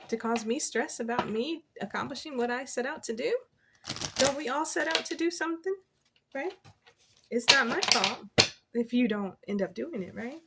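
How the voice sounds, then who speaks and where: A woman giving a casual, encouraging tarot reading from her desk, chatty and quick to laugh. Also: on the high side, very noisy. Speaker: tarot reader.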